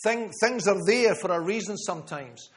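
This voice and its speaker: A man's voice: high voice, normal speed. A man preaching a sermon to a room, emphatic, repeating key phrases and calling on listeners by name. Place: church gathering room.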